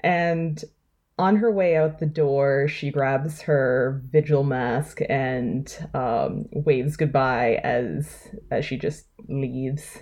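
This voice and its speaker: A woman narrating her character's actions in a tabletop role-play, relaxed and giggly. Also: a bass voice, extremely slow. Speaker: player.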